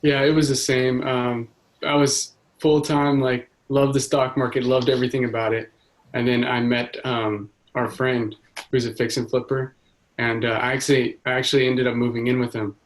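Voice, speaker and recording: A man's voice: mid-range voice, flat delivery, moderate pace, low-quality recording. A man from California, a guest investor talking matter-of-factly on a video call. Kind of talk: casual video call chat.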